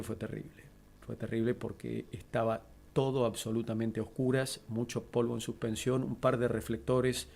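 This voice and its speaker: A middle-aged man with an Argentine accent, a guest in an interview, calmly recounting a personal tragedy. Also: medium pitch, creaky. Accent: Argentine Spanish. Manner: measured, steady, composed.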